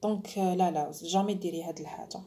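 A woman with an Algerian Arabic accent talks very fast in a lowish, dark voice with fairly even intonation, giving brides-to-be advice straight to the camera in a chatty vlog. She's emphatic, drops in French phrases, and imitates other people.

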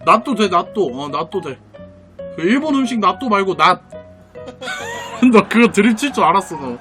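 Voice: mid-range voice, very animated, moderate pace, a bit bright, faint music behind. A gamer giving casual, insistent commentary to a friend during play, bossing them around and swearing freely. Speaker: gaming video creator playing a battle royale game.

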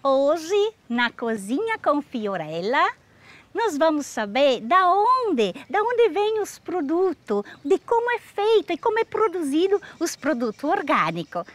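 Fiorella, a chatty clown nonna. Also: female voice, high-pitched, very animated, unhurried, no room sound. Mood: bubbly. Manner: bubbly, rambling, sing-song questions. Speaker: show host in character. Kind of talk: comic clown-show interview. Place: outdoors on a rural farm.

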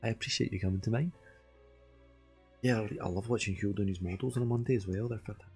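Casting: Scottish male game streamer, casual running commentary, deep voice with plenty of fry. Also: fairly even intonation, fast talker, darkish tone, soft background music. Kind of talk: casual live gameplay commentary, chatting to viewers.

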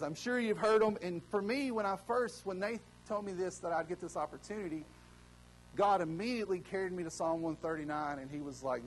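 A man preaching a casual, joking sermon, excitable and full of fillers and restarts. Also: a little high, a little hiss or hum, low-quality recording. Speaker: guest preacher.

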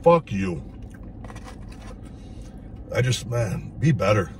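A man's voice: lowish voice, big pitch swings, slow, a little hiss or hum. A man talking while eating, blunt and profane, in a casual food vlog from a parked car. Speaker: food vlogger.

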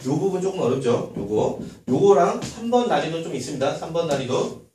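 Lively male math teacher, echoey room. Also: on the high side, a little fast. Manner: lively, asks many rhetorical questions. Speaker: middle school math teacher. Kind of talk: classroom math lecture. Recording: echoey room, far from mic, faint noise.

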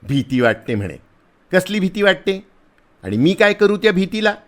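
A big, rough soldier who blusters and scolds at the top of his voice, teasing even as he shouts, as a man acts him out. His voice leaps up and down in pitch, and it is pitched a bit above the reader's own. The whole thing is a storybook reading. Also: normal speed. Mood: blustering. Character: big gruff soldier, blustering but kind.

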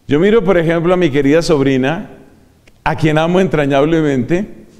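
Man, measured lecturer on preaching, fairly high voice, long hall echo. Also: darkish tone. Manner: measured, demonstrates vocal range. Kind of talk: homiletics lecture.

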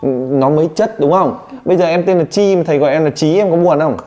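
A man's voice: a little high, dark tone, highs cut off, faint music behind. Teasing male pronunciation teacher. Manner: teasing, drilling with rapid questions. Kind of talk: one-on-one pronunciation coaching.

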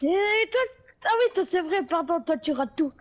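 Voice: extremely high pitch, animated, moderate pace, highs cut off. A game teammate in casual online voice chat, snappy and irritated, over a noisy connection with clicks.

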